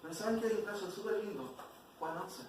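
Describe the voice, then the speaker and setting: Guy teaching bible class, kinda high voice, keeps asking the room stuff, far off mic in a super echoey noisy hall. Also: animated, a little fast. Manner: questions the class, frequent "¿cierto?". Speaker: Sunday school teacher. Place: church hall.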